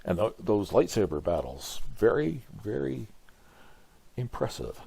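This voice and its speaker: A man's voice: on the low side, very animated, measured pace, gravelly, warm tone, a little hiss or hum. An older man with a grandfatherly, hesitant manner, musing aloud in casual reaction commentary. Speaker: video host reacting to a game trailer. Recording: music behind the voice. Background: music from a game trailer.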